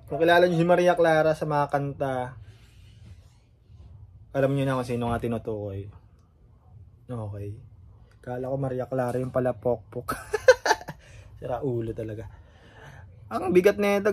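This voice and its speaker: A man's voice: medium pitch, a little slow, pauses often. Guy reacting to a track, casual and chatty, keeps asking the viewers stuff, swears when surprised. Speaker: song reaction vlogger.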